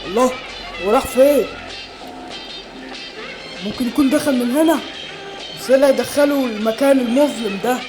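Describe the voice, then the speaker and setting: A woman's voice: high-pitched, fairly quick, long pauses, lightly acted, poor audio. A strict, angry father, voiced by a woman, scolds in a stern voice. Music plays behind him. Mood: determined. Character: angry strict father hunting his son.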